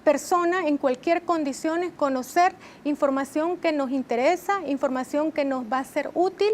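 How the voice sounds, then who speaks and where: Woman on a tv interview, high voice, explains things step by step, faint hiss behind. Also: darkish tone. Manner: measured, explanatory, with frequent rhetorical tag questions. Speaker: interview guest, training head. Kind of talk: TV interview answers.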